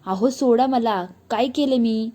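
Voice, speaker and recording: A woman's voice: a little high, a little slow, warm tone, pitched above the performer's own voice, close to an everyday voice. Woman narrator voicing a tearful pleading young wife.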